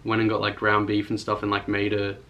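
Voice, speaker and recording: A young man with a lowish voice co-hosts a couple's channel, doing a casual question-and-answer chat with his wife. He's relaxed and easygoing, and his speech is halting and full of fillers.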